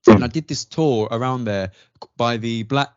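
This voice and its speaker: A man's voice: medium pitch, moderate pace, darkish tone, smooth, no room sound. A man hosting a podcast, asking thoughtful, earnest questions. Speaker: podcast host. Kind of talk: casual interview chat. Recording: dry, dull lo-fi audio.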